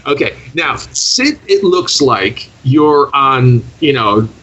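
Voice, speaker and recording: A man with a Michigan accent chatting casually, then leading a hypnosis induction in a slower, deeper, soothing voice. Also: lively intonation, sharp tone, highs cut off. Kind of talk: hypnosis session over a call.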